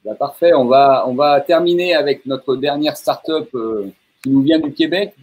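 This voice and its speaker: A man's voice: mid-range voice, normal speed, darkish tone. A man hosting an event as moderator in an informal, conversational style. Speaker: host, moderator.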